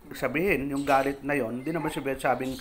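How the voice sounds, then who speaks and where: A Filipino pastor gives a conversational sermon, reading verses of scripture in English and explaining them to his listeners in Tagalog. His voice is medium-pitched and steady in tone, and he speaks at a racing pace.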